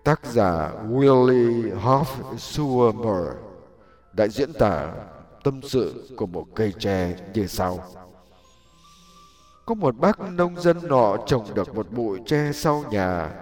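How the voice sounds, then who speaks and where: A man telling a story aloud in a slow, expressive reading. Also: mid-range voice. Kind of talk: spoken storytelling. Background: faint background music.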